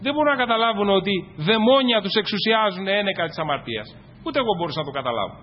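A man preaching a sermon to his congregation, rising to loud exclamations and dropping to quiet asides. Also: high voice, animated. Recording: dull, echoey hall with faint noise.

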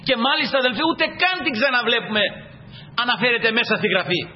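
A man's voice: very high-pitched, lively intonation. A man preaching a sermon emphatically, again and again calling out to the brothers. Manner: emphatic, constantly addresses the brothers. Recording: dull echoey hall recording.

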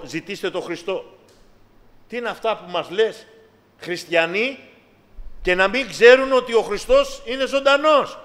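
Middle-aged guy preaching his testimony, fervent and getting loud, slightly high voice, big echoey hall. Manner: fervent, rising to loud preaching, addresses listeners as brothers and sisters. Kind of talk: evangelical testimony sermon. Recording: long hall reverb.

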